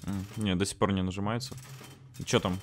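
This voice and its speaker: A man's voice: low-pitched, fairly even intonation, a little fast, a little hiss or hum. A man chatting casually and jokingly in slang as he plays a horror game. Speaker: gamer. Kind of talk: casual chat while playing a horror game.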